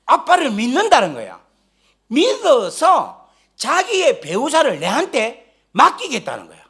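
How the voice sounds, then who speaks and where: A man preaching a sermon, telling stories animatedly, joking with the congregation and rising to shouts when stirred. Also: very high-pitched, huge pitch swings, unhurried, husky. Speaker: guest pastor. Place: church sanctuary during a live service.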